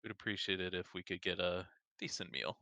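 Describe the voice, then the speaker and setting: Male tabletop player, low and bright, dry, polite measured in-character talk. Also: expressive, vocal fry, dry recording.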